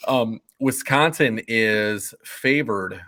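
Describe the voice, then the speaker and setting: A man's voice: on the low side, takes it slowly, pushed and bright, dry recording. A man hosting a casual sports podcast, joking and teasing his co-hosts. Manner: joking, easily laughing. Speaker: podcast host.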